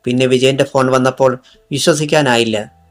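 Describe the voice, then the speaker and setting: A man's voice: mid-range voice, steady tone, normal speed, soft background music, close to an everyday voice. A man reading the part of an emotional older man near tears, in an audiobook. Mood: shaken.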